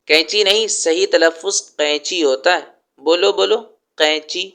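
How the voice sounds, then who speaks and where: A man's voice: high voice, sharp tone. A man voicing a strict aunt who keeps correcting her niece's pronunciation, stretching out sounds to stress them. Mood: scolding. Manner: stern, corrective, drawn-out emphasis on sounds.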